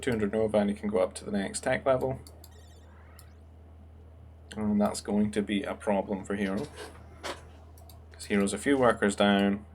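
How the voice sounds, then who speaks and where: A young man casts a strategy game match in a relaxed, musing voice that sits fairly low. He thinks aloud as he goes, with plenty of fillers. A faint hiss runs under the home recording. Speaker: game caster. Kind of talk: casual esports commentary.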